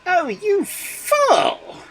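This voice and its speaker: A man voicing a blunt crow in a storybook reading, with a sharp, scolding tone. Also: very high-pitched, huge pitch swings, measured pace, slight background noise, voice pushed up, exaggerated voice, poor audio.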